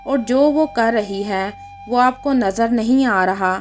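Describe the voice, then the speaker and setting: A woman's voice: a little high, slow, soft background music. A woman voicing a resentful, complaining young unmarried sister in a read-aloud story. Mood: indignant. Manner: complaining and indignant.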